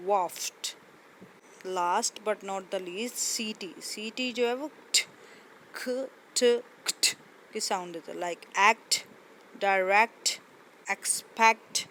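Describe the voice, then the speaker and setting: A woman's voice: mid-range voice, a bit bright, a little hiss or hum. A woman teacher giving a phonics lesson for parents, carefully enunciating lists of English words.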